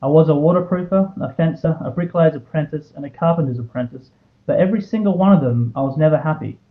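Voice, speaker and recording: A student award recipient, a man in his twenties with an Australian accent, gives a prepared, earnest motivational speech live to an audience, sharing a personal story and asking rhetorical questions. His voice is on the high side and quick, captured in narrow, tinny audio.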